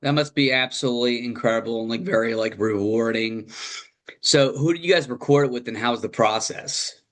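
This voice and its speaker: A man interviewing a musician in a relaxed, encouraging, conversational way. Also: medium pitch, a little fast. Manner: laid-back, encouraging, conversational. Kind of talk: casual interview chat.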